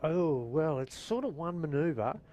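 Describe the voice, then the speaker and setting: A man's voice: expressive, measured pace, muffled recording. A man giving casual live surf co-commentary in a chatty, colloquial way full of exclamations. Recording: clear rumbling background noise.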